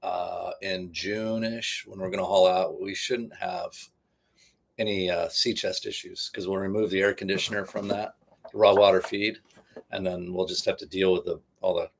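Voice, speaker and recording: Gravelly low-voiced man co-hosting. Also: steady tone, moderate pace. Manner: laid-back, explains boat systems. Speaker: boat vlog co-host. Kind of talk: casual livestream chat.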